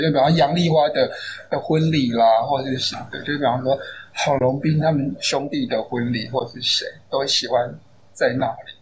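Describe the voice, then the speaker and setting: A man with a Taiwanese Mandarin accent, an author guest on a podcast, chatty and anecdotal with many fillers. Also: mid-range voice. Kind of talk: casual podcast interview. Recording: noisy background.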